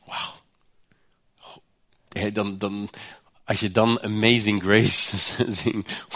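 A man preaching a sermon with passion. He often says "hè" and climbs to high, emphatic peaks. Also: a bit bright, no room sound. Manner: impassioned, rises to high emphatic peaks, frequent "hè" fillers.

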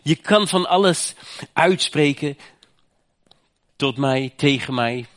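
Impassioned preacher, dry sound. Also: male voice, takes it slowly, a bit bright, no echo. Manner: impassioned, rises to high emphatic peaks, frequent "hè" fillers. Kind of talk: sermon.

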